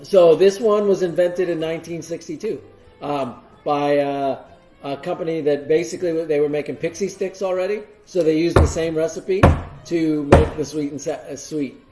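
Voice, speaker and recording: A man co-hosting a live-streamed cheese tasting lesson, explaining in a relaxed way with hesitant ums. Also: on the high side, normal speed, roomy sound, music in the background, low-quality recording. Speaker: cheese shop host.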